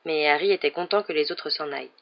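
Man narrator, audiobook reading, slightly high voice, muffled lo-fi recording. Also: fast talker, gravelly. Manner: reads all the characters with raised pitch for quoted lines. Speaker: audiobook reader. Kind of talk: scripted narration. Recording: dull lo-fi recording.

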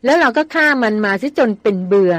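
A woman's voice: fairly high pitch, animated, fast talker, fairly bright tone, dry recording, voice pushed up. A woman reading aloud as a blunt grown man who teases and grumbles. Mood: grumbling.

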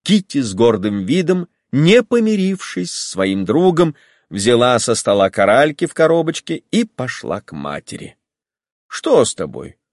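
A man narrating a classic novel as an audiobook in an expressive storytelling manner. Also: medium pitch, normal speed, no room sound, studio quality. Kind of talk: literary narration.

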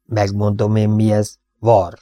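Brisk vet boss, read by a man: curt, commanding, low and mellow. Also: completely flat delivery, dry recording, close to an everyday voice.

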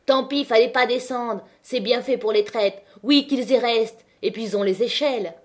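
A woman voicing an angry crowd of striking miners, jeering and shouting. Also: on the high side, moderate pace, lightly acted.

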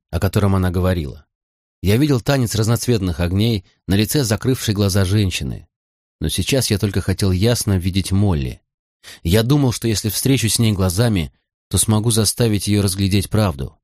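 A man reading an audiobook in a low, hushed, subdued voice. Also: no echo, studio quality. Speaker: audiobook reader. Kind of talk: scripted narration.

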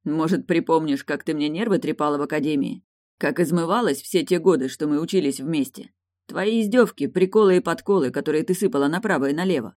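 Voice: medium pitch, fairly quick, no echo, close to an everyday voice. An angry, wounded young man who throws old grudges back at her, voiced by an audiobook reader. His lines are raised slightly and pushed hard. The sound is dry, with no room around it. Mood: resentful. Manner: resentful, shouting. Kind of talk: audiobook character voice.

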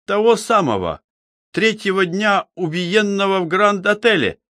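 A man voicing a witty, sociable young male chemist who speaks with animated, emphatic exclamations in an audiobook. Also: medium pitch, moderate pace, dry recording, clean studio sound. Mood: surprised.

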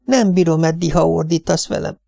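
A man voicing an anxious, whining middle-aged wife in an audiobook, with a tearful, pleading, high voice. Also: creaky, warm tone, no echo. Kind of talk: audiobook character voice.

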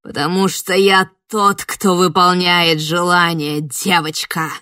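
A wish-granting spirit wearing a young man's shape, lowered and husky, as a woman reader puts him on. His soft, caressing tone hides menace and breaks into snarling rage. The audiobook recording is dry and close. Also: steady tone, normal speed, dry recording. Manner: soft and eerily gentle, then snarling. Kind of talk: audiobook character voice.

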